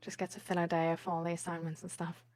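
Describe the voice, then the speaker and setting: Fairly low in pitch and a little mellow, this woman talks fast in a monotone. She's live streaming, reading out viewer messages and chatting casually, with giggles, rambling and hesitant phrasing.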